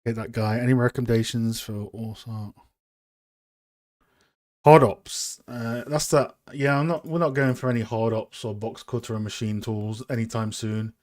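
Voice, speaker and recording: A man's voice: mid-range voice, normal speed, darkish tone. Man chatting casually, full of fillers. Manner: rambling and self-deprecating, many fillers. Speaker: streamer and game art host. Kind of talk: casual live-stream chat while modeling.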